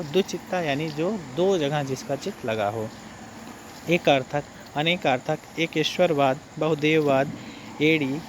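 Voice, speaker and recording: A man teaching an exam-prep lesson, reading out word pairs slowly and adding brief explanations. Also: fairly high pitch, a little hiss or hum.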